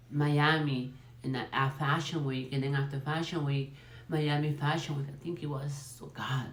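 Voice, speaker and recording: Low-voiced chatty woman, echoey room. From Peru. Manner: chatty, rambling, many fillers and restarts. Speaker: YouTube channel host. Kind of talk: casual gossip commentary.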